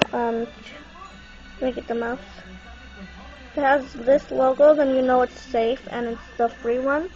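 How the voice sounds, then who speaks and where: A young woman with a stuffy, congested-sounding nasal voice, giving a casual unscripted how-to walkthrough into a handheld phone. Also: sits high. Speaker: tutorial presenter. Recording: muffled, noisy phone camera recording.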